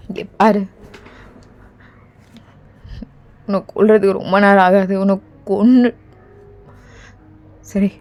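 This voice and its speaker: A woman's voice: medium pitch, natural voice. A woman voicing a ruthless young male king who threatens and scolds, in a fan audio drama. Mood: demanding.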